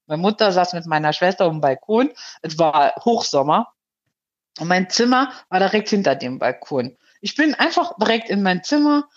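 A woman's voice: lowish voice, dull audio. A woman in her fifties calling in, telling a personal story in casual chat with many hesitations. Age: 50s. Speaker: caller.

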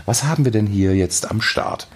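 Deep-voiced man, mock-solemn banter. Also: expressive, moderate pace, husky. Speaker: podcast co-host. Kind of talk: casual podcast banter. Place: at home on a sofa. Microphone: studio microphone up close.

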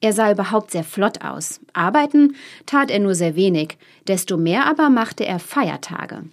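A woman narrating a storybook in an expressive reading style. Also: mid-range voice, moderate pace. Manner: expressive, questioning asides.

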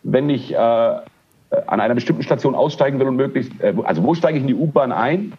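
Male co-host, husky, very animated delivery, slightly dull lo-fi sound. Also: medium pitch, a little fast. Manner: animated ranting, frequent hesitations. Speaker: podcast co-host. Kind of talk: casual chat.

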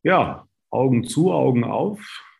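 A man's voice: medium pitch, takes it slowly, vocal fry, slightly rough. A man in his late thirties from Berlin, telling a personal story in a casual conversation and acting out the lines people said to him. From Berlin, Germany. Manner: lively anecdotes, acting out quoted dialogue. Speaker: interview guest, sales business leader.

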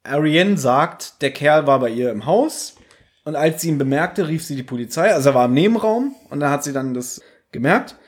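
A man's voice: a little high, moderate pace. Chatty man reviewing a radio play. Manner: animated, laughs often, quotes lines in put-on voices. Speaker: podcast co-host reviewing an audio drama. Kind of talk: casual chat.

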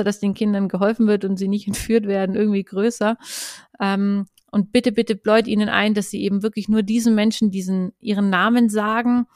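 A woman's voice: medium pitch, smooth, no echo, studio quality. A woman, hosting a solo podcast in an earnest, hesitant way with many restarts. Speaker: podcast host. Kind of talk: casual solo podcast talk.

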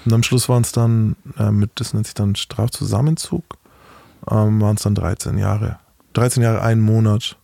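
A man's voice: fairly low pitch, steady tone, normal speed, vocal fry, dark tone, no room sound. A middle-aged man speaking as an interview guest, talking frankly and matter-of-factly in a casual interview.

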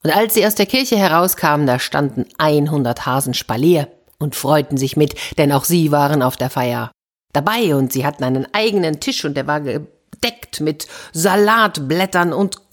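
A woman hosting a children's story podcast, telling a fairy tale and speaking directly to young listeners. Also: low-pitched. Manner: warm-hearted, addressing children directly.

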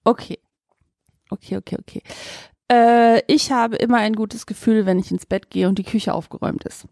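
A woman in casual podcast chat, asking playful questions. Her voice sits a little high. The sound is dry and close. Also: fairly even intonation, moderate pace, a little mellow, no room sound. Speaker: podcast co-host.

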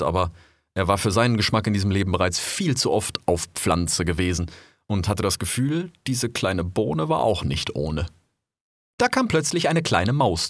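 Male narrator for an audio drama, lowish voice, dry close recording, calm and measured. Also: no echo. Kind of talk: scripted story narration.

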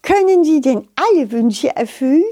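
A high, squeaky storybook butterfly, put on by a woman reading aloud, fluttering through words in excited, swooping bursts. He repeats himself in giddy little runs and drags out his exclamations. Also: moderate pace. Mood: delighted. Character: excitable chatty male butterfly, suddenly very loud.

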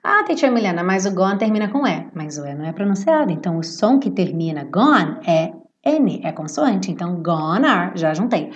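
A young adult woman with a Brazilian Portuguese accent, teaching English pronunciation in an online lesson, explaining quickly and then slowing down to model each line. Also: fairly low pitch, dull audio. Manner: lively and explanatory, slows down to model English lines.

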